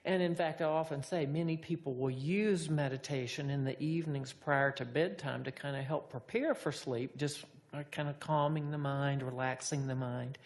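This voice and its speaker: Woman, low pitch, meditation teacher, informal class discussion, reflective and hesitant phrasing. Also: moderate pace, hardly any pauses, a little mellow. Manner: hesitant, reflective, echoes back what participants say. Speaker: meditation teacher leading a group debrief.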